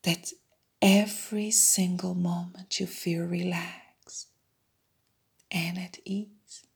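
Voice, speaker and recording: A woman guiding a hypnosis meditation in a soft unvoiced whisper, repeating soothing suggestions. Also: fairly low pitch, flat delivery, slow pace, gravelly, husky. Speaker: meditation guide.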